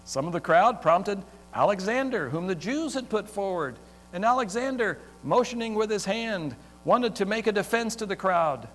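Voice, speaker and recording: A man preaching a sermon, reading scripture aloud and explaining it with lively sports comparisons. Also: sits high, normal speed, soft background music. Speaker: pastor. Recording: reverberant hall with faint mains hum.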